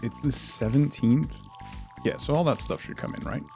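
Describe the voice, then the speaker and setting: Gravelly-voiced man chatting on stream. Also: medium pitch, normal speed, a little mellow, soft background music. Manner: chatty, reads and answers chat, laughs often. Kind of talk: casual live-stream chat while gaming.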